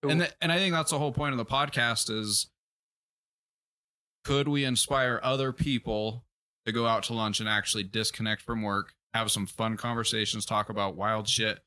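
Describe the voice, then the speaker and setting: A podcast co-host talking with friends in a relaxed, unscripted way, eager and quick with questions. His voice sits low but has a tense, bright edge. The sound is dry and close. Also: no echo. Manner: eager, asks lots of questions, swears casually. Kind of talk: casual chat among friends.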